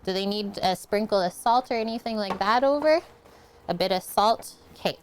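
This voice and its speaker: In her home kitchen, a woman hosts a casual cooking livestream, chatting while she cooks and responding to viewer comments. She speaks at a medium pitch and a moderate pace.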